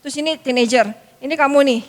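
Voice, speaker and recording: A woman's voice: high-pitched, fast. A middle-aged woman giving a chatty, anecdotal talk to parents at a school meeting. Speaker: speaker at a parent-teacher meeting. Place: school hall. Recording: reverberant hall.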